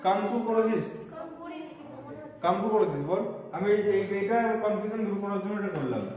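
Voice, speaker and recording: A man with a fairly high voice teaches a grammar class, breaking each point into small steps and firing questions at the students. The room rings with strong echo and a long reverb tail, as in a bare classroom. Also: a little mellow, distant mic. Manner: explains step by step, quizzing students with quick questions.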